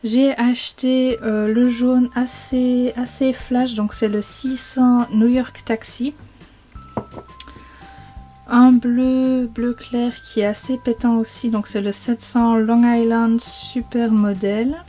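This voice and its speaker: A woman with a Belgian French accent talks casually to her viewers in a slightly high but mellow, relaxed voice. She rambles a bit and corrects herself mid-sentence. Soft background music plays faintly behind her. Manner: chatty, rambling, frequent self-corrections and fillers. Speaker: beauty vlogger. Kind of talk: casual chatty video.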